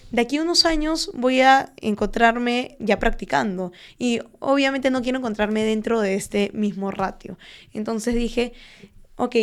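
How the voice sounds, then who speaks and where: Woman in her 20s, smooth clear voice, kinda high, calm explainer w/ lots of ehs and ¿no?s. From Peru. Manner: measured, explanatory, frequent fillers and tag questions. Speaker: guest, stock trader and finance content creator. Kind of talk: conversational interview.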